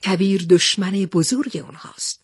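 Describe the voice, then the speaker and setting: Woman reading a steady, calm sea captain. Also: lowish voice, slightly rough, dry recording, clean studio sound. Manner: steady, reassuring. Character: brave adult male sea captain, calm leader.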